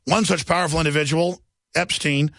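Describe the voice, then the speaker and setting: A man's voice: steady tone, brisk, creaky, a bit bright, dry recording. A man hosting a talk radio show, ranting in a heated monologue and turning sarcastic, his voice jumping up when he mocks. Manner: ranting, sarcastic, voice jumps high when mocking.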